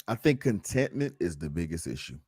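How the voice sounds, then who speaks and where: A man with a very low, deep voice hosts a casual livestream chat, speaking earnestly and reflectively. The sound is dry and close, with no room echo. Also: sing-song, a little fast, warm tone, husky. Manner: earnest, reflective, reads live comments aloud. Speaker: host.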